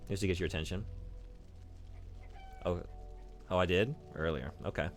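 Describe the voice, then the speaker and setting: A man's voice: deep voice, normal speed, soft background music. A man streaming a video game, chatting casually and joking with his chat. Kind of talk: casual chat while playing.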